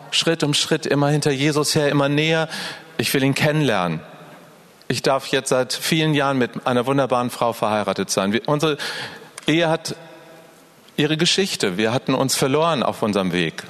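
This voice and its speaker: A man's voice: mid-range voice, normal speed, a bit bright. An older man, a grandfather, preaching a personal, earnest sermon and speaking straight to his listeners. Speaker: pastor.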